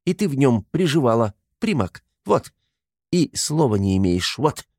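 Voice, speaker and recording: A man voicing a tiny, stubborn, sharp-tongued peasant woman in an audiobook. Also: medium pitch, sing-song, unhurried, slightly rough, dry recording, studio quality, voice pushed up, exaggerated voice. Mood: scolding. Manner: stubborn, scolding. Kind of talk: audiobook character voice.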